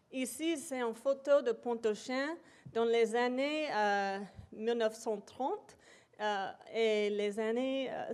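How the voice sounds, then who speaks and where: An invited speaker, a native English-speaking woman, gives an academic presentation in a lecture hall. She talks slowly and hesitantly, with many pauses and fillers, and her voice is on the high side, a little mellow and smooth.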